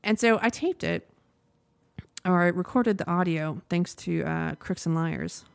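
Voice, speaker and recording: On her casual podcast, a young adult woman rambles chattily through a story, laughing often. Her voice is lowish and creaky, her pace measured, and there's no room sound.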